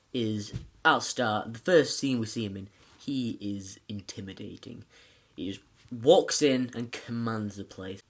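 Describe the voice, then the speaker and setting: A man casually reviewing a film, rambling with lots of fillers and restarts. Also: mid-range voice.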